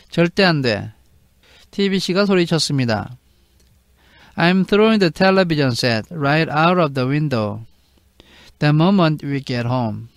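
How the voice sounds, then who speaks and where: A man leads a read-aloud lesson in a fairly high voice. He reads the English lines very slowly and then gives each translation. The sound is dry and close, with no room echo. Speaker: English book reading teacher.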